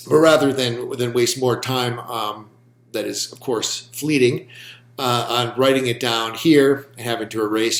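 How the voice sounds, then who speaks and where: A man giving a recorded philosophy lecture, speaking slowly and deliberately with frequent ums. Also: mid-range voice. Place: room with a whiteboard. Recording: roomy echo.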